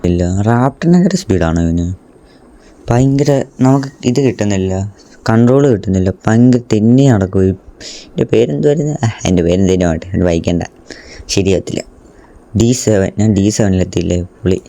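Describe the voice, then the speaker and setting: Excitable man doing gameplay commentary. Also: fairly low pitch, a little fast, creaky. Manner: excitable, frequent exclamations; addresses viewers directly. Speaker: gaming YouTuber.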